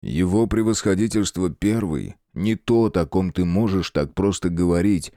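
A man's voice: low voice, lively intonation, normal speed, warm tone, no echo, clean studio sound. A man voicing a stern, composed captain of the guard who speaks curtly in an audiobook. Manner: curt and stern.

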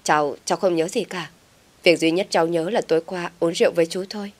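A woman's voice: fairly low pitch, steady tone, quick pace, natural voice. A bewildered young man stammers and protests in a panic, as a woman reads his lines. The voice stays close to a plain narrator's. It comes from a spoken storybook. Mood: panicked. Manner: stammering, flustered.

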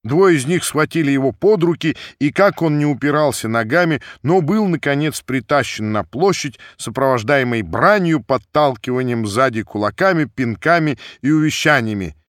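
A man narrating classic prose for an audiobook with an expressive delivery. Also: medium pitch, moderate pace, hardly any pauses, no echo, studio quality.

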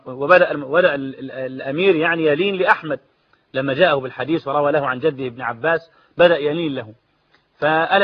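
A man preaching in an Egyptian accent, telling an old story at a quick clip. His voice sits high and he swings between classical quotes and colloquial asides, now and then rising to forceful outbursts. The recording is slightly dull and lo-fi. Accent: Egyptian Arabic. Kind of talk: sermon storytelling.

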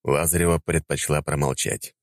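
A man narrating a fantasy audiobook in a calm, even manner. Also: rumbling low, normal speed, gravelly, no echo, clean studio sound.

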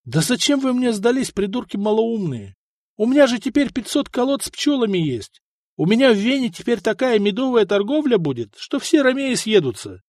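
A man playing an unbothered half-breed lord, offhand and mocking, high lively voice, dry sound. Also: normal speed, dry recording, heavily acted. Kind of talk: audiobook character voice.

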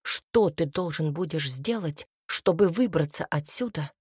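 Woman voicing irritated young man, curt, urgent, conspiratorial, husky, dry close sound. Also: low voice, lively intonation, unhurried, dry recording, heavily acted. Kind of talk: audiobook character reading.

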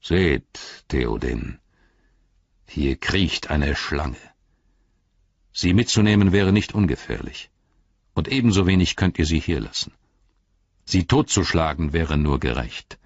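A man voicing a grave, shrewd old wizard who speaks low and measured. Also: expressive, gravelly, husky, no room sound, highs cut off, heavily acted. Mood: stern.

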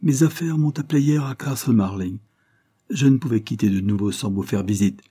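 A man doing a courteous gentleman lawyer. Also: medium pitch, a little fast, slightly rough, close to an everyday voice.

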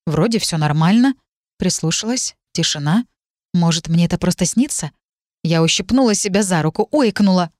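A woman reading a first-person story aloud as audiobook narrator, even and measured. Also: fairly low pitch, no room sound, clean studio sound.

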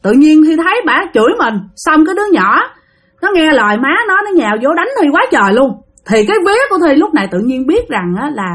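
A woman with a high, husky voice tells a spooky ghost story in a casual, chatty way, addressing her listeners directly.

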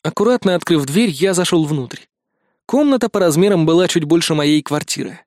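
A man reading a first-person audiobook in a wry, steady storytelling manner into a close studio mic. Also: a little high, fairly quick, no room sound. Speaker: audiobook narrator.

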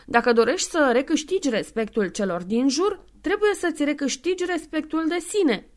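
A woman's voice: high voice, expressive, voice pushed up. A woman voicing a prim male mentor who lectures in an earnest tone.

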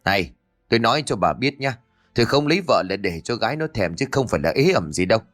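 Guy playing cranky old ghost hunter, low gruff snappy voice. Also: big pitch swings, fast talker, fairly bright tone, soft background music. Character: gruff old male exorcist teacher.

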